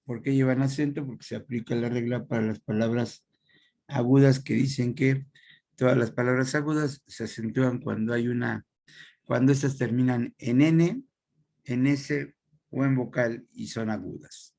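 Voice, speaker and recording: A man's voice: mid-range voice, fairly even intonation, normal speed, creaky, warm tone. A man teaching an online class, patient and checking often that his students follow. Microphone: computer microphone on video call.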